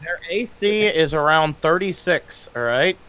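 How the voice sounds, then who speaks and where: A man's voice: on the high side, expressive, unhurried, bright, forceful tone, clear, resonant tone. A young man playing a tabletop game, coaching the other players and swearing casually.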